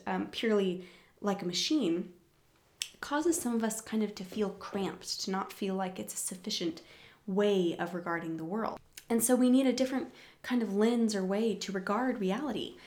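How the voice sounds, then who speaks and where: A woman leads a book discussion, reading short passages aloud and then unpacking them. She speaks in a measured, reflective way, with gentle asides and the odd "um". Her voice sits at an ordinary middle pitch for a woman. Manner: thoughtful, measured, with asides and fillers. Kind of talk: reading aloud and explaining a text.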